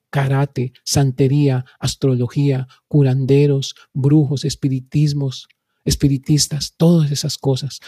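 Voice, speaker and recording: Gravelly earnest male radio preacher. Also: on the high side, dark tone, no room sound, clean studio sound. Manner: earnest, addresses listeners as brothers. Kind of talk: preaching talk on radio and video.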